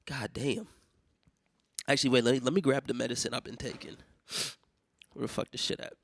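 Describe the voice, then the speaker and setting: A young American man talks through a loose, profane solo monologue, his voice gravelly and rough at the bottom. He is getting over a cold and breaks into loud, mocking outbursts as he tells his stories. The sound is close and dry, with no room behind it. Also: medium pitch, a little fast, dry recording. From United States. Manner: profane, rambling, animated storytelling with loud mock outbursts. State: sick with a cough and congestion. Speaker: podcast host.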